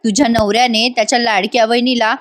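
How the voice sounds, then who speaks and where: A woman's voice: a little high, little pitch movement, fast, close to an everyday voice. A woman voicing a scheming, spiteful sister-in-law who talks down in a taunting, bossy way. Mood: sly.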